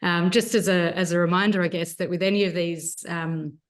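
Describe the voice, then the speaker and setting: A woman's voice: lowish voice, fairly even intonation, normal speed. A woman with an Australian accent giving a research presentation over a video call, earnest and with frequent "um" fillers. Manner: earnest, many 'um' fillers. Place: home at night.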